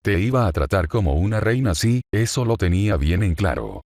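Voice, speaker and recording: Man reading a gloating cruel fallen angel woman, low voice, dry close sound. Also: very animated, moderate pace, darkish tone, no room sound, exaggerated voice. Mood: mocking. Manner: mocking, gloating. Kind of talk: fan story reading.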